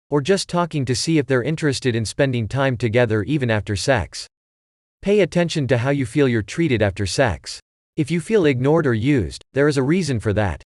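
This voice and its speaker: A man narrating a scripted advice list in an even, measured way. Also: mid-range voice, no echo, clean studio sound.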